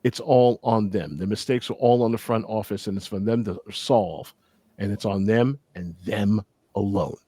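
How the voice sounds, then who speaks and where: A man's voice: on the low side, moderate pace, mellow, breathy edge, dry recording. Blunt, impassioned male podcast host. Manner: blunt and impassioned, repeats phrases for emphasis. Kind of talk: casual sports podcast chat.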